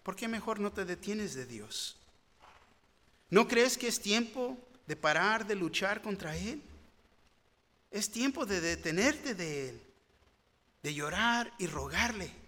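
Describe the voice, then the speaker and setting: A man's voice: high voice, bright, forceful tone. A man preaching a sermon, earnest and rising into fervent pleading. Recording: long hall reverb.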